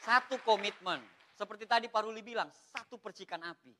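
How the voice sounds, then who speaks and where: Man, motivational speaker, bright tone, animated, joking. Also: sits high, fairly quick, a faint crowd, a little hiss or hum. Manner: animated, joking, addresses listeners as "Pak". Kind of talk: motivational talk to an audience.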